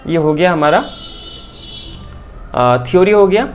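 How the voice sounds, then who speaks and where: A man from India teaches a chart lesson at a fast clip. He keeps repeating phrases and checks in with his viewers constantly. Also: on the high side, expressive, faint music behind. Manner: fast, repeats phrases, says "theek hai" often. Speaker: stock market trading teacher.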